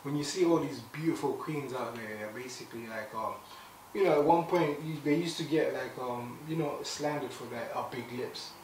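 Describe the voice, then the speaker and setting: A young Zimbabwean man who founded a clothing brand chats animatedly in a sit-down interview, seated on a sofa indoors, with plenty of fillers and restarts. His mid-range voice moves at a moderate pace. A far camera mic picks him up from a distance in an echoey room with slight background noise.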